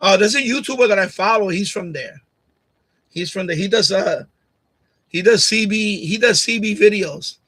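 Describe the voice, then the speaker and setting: A Puerto Rican man hosts a casual live stream from his home setup, bluntly arguing with commenters, repeating himself and laughing a lot. His voice is high and fairly bright with a breathy edge, at a normal speed. He uses a USB condenser mic on a boom arm.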